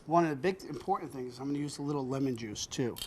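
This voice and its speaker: An animated, rapid-fire man of medium pitch hosts a cooking show, with a little hiss or hum in the audio. He teaches a child to cook, calling the kid "buddy," joking around and laughing often.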